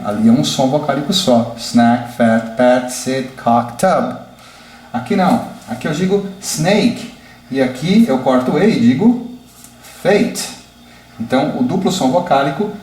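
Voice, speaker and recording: A man teaching pronunciation, explaining slowly and clearly with deliberate spoken examples. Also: mid-range voice, a little mellow. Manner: slow, deliberate, demonstrative. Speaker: English teacher. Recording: echoey room with faint background noise.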